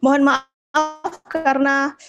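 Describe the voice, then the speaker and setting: A woman's voice: high-pitched, level tone, takes it slowly, over music. A woman moderating an online seminar, speaking politely and apologetically over a choppy, breaking-up call connection. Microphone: video call. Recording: distant, choppy video call audio.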